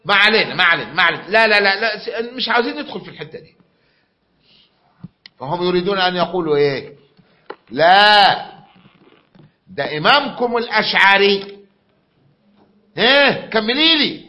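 A man's voice: high voice, animated, moderate pace, long pauses, sharp tone, slight background noise. A man with an Egyptian accent giving a classroom lecture, often repeating himself and quizzing his students. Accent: Egyptian Arabic. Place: lecture room. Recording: dull lo-fi recording.

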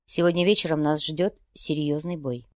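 A woman's voice: low voice, fairly even intonation, moderate pace, a little mellow, no echo, studio quality, lightly acted. A woman reading the part of a male commander in an audiobook, in a cold, detached tone.

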